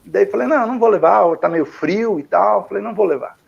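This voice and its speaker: Older brazilian guy rambling thru his story, high voice, dull lo-fi sound. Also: animated, fast, creaky. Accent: Brazilian Portuguese. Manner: rambling, repeats himself, many fillers. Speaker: guest giving a testimony. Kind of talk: emotional storytelling. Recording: dull lo-fi recording.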